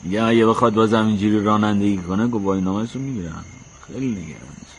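A grown son chats fondly and chuckles in a low voice, as an actor plays him. Faint crickets and night insects sound around him. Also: male voice, slight background noise, natural voice, low-quality recording. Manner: chatty, chuckling. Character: grown son, fond and defensive of his father.

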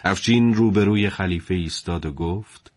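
Male storyteller, low voice, dry close sound, colloquial and steady. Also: no echo. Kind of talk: conversational story narration.

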